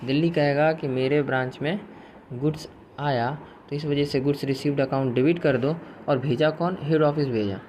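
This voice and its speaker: A man's voice: fairly high pitch, fairly even intonation, normal speed, darkish tone, slight background noise. A man teaching a recorded accounting lecture in a chatty way, mixing in English terms and answering imagined questions from students.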